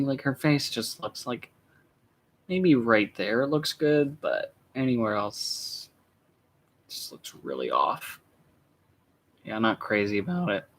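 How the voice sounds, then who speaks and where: A young vlogger unboxes something at home in a room with shelves, chatting casually in a laid-back, rambling way with lots of fillers while keeping his voice down. His voice is on the low side with a fairly bright tone.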